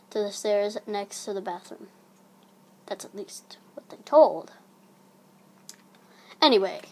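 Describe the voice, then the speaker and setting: A woman narrating a scripted horror story in a hushed, creeping manner, breathy and sometimes sinking toward a whisper. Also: mid-range voice. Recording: audible background noise.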